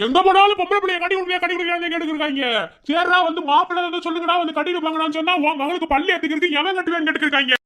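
A performer voicing a drunk, angry middle-aged father in a cartoon, scolding roughly with a Madurai accent. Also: very high voice, steady tone, rapid-fire, sharp tone. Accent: Madurai Tamil. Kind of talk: cartoon voice acting.

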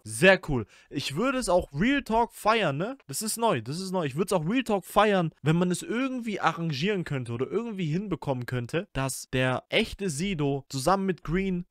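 A man's voice: a little high, dry recording, clean studio sound. Slangy young man reacting on stream. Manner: loose slangy banter, talks to chat. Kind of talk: casual reaction chat.

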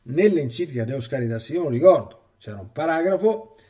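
A man's voice: on the high side, animated, a little fast, mellow, recorded from a distance. A man who is a priest, reading a testimony aloud and commenting on it in an emphatic catechesis sermon, often stammering and repeating words when he speaks freely.

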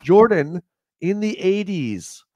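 Stuffy, nasal man hosting a lively stream. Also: sits high, takes it slowly, dry recording, muffled recording. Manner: upbeat, animated presenter. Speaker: livestream host. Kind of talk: casual chat.

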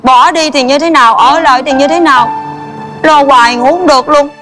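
An actress playing a worried wife and small-theater performer, talking anxiously in a stage comedy sketch. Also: female voice, high voice, a little fast, loud music behind the voice, lightly acted. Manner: anxious, earnest. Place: television studio stage.

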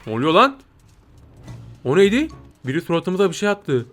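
Brief: young male streamer, bright forceful voice, excitable game commentary with squeals, music underneath. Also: moderate pace. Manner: excitable, jumps to high squeals and shouts. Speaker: gameplay streamer.

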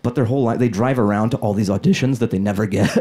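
A man in his thirties doing a stand-up comedy set on a club stage with a handheld mic, animated and working the crowd. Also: fairly low pitch, quick pace. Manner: animated, crowd work, acts out voices. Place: comedy club stage before a laughing audience. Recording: live club recording with loud crowd laughter.

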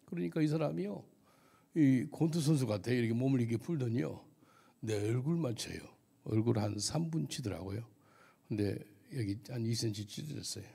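A man's voice: mid-range voice, fairly quick, vocal fry, dark tone, slightly rough. A missionary pastor giving a testimony sermon at a church service, telling his story vividly and asking the audience questions.

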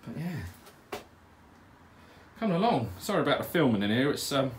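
A man's voice: mid-range voice, big pitch swings, normal speed, roomy sound. Chatty man filming DIY from afar. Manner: chatty, rambling, matter-of-fact with filler words. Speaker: DIY pond vlogger. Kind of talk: casual DIY walkthrough chat. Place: cramped garage room under renovation. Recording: distant mic with background noise.

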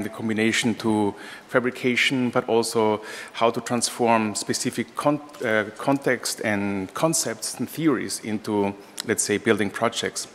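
An architecture professor in his forties, Austrian and raised in Vienna, gives an informal lecture from a lectern in a large indoor room, phrasing things hesitantly in a Viennese-accented voice. It is mid-range and a bit bright, picked up by a gooseneck lectern mic in a reverberant hall.

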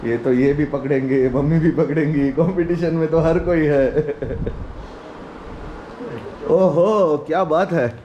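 A man's voice: a little high, fairly even intonation, slow pace, mellow, muffled recording, a little hiss or hum. A man in his forties chatting and laughing as he vlogs his day to a camera held at arm's length, mixing in English phrases. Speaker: vlogger. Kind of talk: casual daily vlog to camera. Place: home, then outdoors at night. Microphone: handheld action camera at arm's length.

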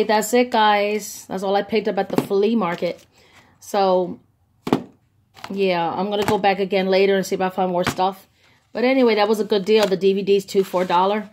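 A woman's voice: mid-range voice, noisy background. Chatty woman showing a haul. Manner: chatty, enthusiastic, many ums. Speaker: vlogger. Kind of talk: casual haul video. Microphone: phone held by the speaker, off camera.

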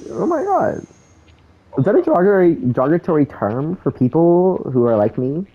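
A man's voice: on the high side, normal speed, highs cut off. A young man hosting casual gameplay commentary, joking and swearing a lot. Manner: profane, joking, excitable. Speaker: gaming channel host.

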